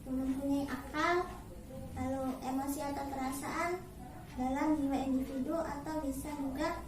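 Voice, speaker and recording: A young woman interviewer with a high, shrill and grating voice speaks tentatively, feeling her way through her points and checking for agreement. The recording is heavily echoey, with loud noise behind her. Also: little pitch movement, normal speed. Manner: tentative, seeking confirmation. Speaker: student interviewer. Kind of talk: hesitant conversational interview. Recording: very echoey, loud background noise, distant mic.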